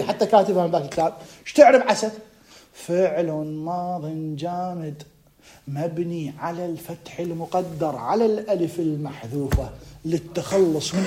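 A man with an Iraqi Arabic accent teaching a grammar class, quizzing his students with quick rhetorical questions and drawing out key words for emphasis. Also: high-pitched, slight background noise. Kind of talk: classroom lecture.

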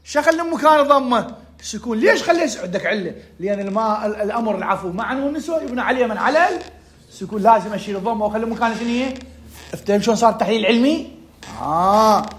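A man's voice: high voice, lively intonation, racing. A man with an Iraqi Arabic accent teaching Arabic grammar in a conversational lesson, explaining through rhetorical questions and asides.

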